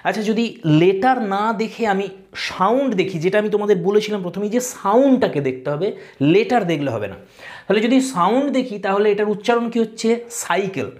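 A man teaching an exam-prep lesson, patiently explaining step by step and sounding out words slowly. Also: sits high, lively intonation, darkish tone.

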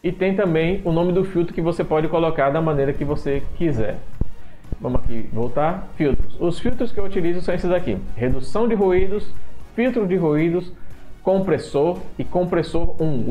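A man walking through his microphone filter settings in a screen-recorded software tutorial, often restarting phrases and repeating points as he goes. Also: a little high. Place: home room with street noise outside. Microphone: desktop microphone at a computer.

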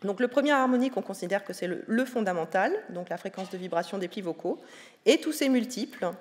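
A woman's voice: mid-range voice, animated, fairly quick, a little mellow. A woman giving a public science lecture on the voice, explaining patiently with many hesitations. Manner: explanatory, with frequent hesitations and fillers. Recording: reverberant lecture hall.

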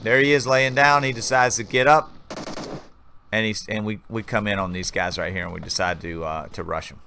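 A man's voice: fairly low pitch, fairly even intonation, normal speed, gravelly, bright, forceful tone, a little hiss or hum. A man casually talking viewers through his gameplay footage in a rambling, chatty play-by-play. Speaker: gaming channel host. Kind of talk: casual gameplay commentary voice-over.

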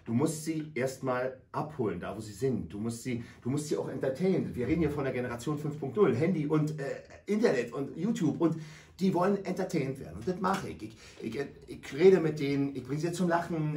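A middle-aged man tells his stories with a stage speaker's force, loud and dramatic, acting out each scene. His voice sits a little high for a man. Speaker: anti-bullying speaker visiting schools. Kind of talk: emphatic storytelling in a radio talk.

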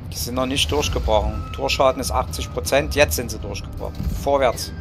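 A man's voice: mid-range voice, a little fast, vocal fry. A man hosting a let's play, giving casual game commentary and musing aloud as he talks to his units. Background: game music and battle sounds.

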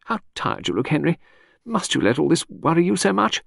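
A man's voice: fairly high pitch, sing-song, a little fast, gravelly, fairly bright tone, husky, no echo, clean studio sound, pitched above the performer's own voice, full character voice. A man voicing a flighty older aristocratic lady who chatters and rambles breezily. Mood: breezy.

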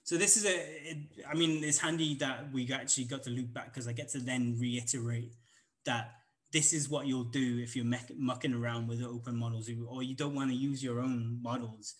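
A man's voice: medium pitch, fairly even intonation, normal speed, low-quality recording. A man with a Welsh accent giving a casual live coding walkthrough at a conference, rambling with many ums and restarts. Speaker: conference instructor.

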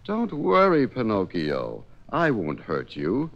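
A man voicing a kindly, lonely old woodcarver in a children's story, gentle and fatherly. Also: lowish voice, huge pitch swings, slow pace, vocal fry, highs cut off, full character voice. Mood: tender.

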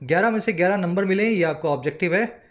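A man teaching as an English tutor, lecturing a class on a newspaper article with energy and reading English lines slowly. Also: high-pitched. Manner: energetic teacher, explains words slowly, reads English aloud slowly.

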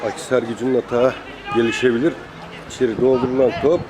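A football commentator calls live play-by-play at an outdoor amateur match, speaking fast in clipped phrases and calling out player names. His voice is mid-range with a level tone. An outdoor crowd is audible throughout.

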